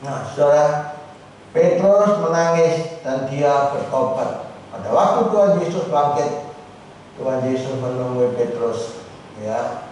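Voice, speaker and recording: A man preaching a sermon as pastor, slow and emphatic, rising high and then dropping low. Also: a little mellow, a little hiss or hum. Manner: slow, emphatic preaching with sudden rises and drops in pitch. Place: church hall. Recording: echoey hall heard from a distance.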